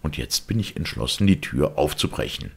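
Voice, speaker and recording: A man's voice: very deep voice, expressive, moderate pace, creaky, husky, exaggerated voice. A man voicing a resolute, middle-aged male lawyer in an audiobook, speaking firmly and emphatically. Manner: firm and emphatic. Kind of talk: audiobook character reading.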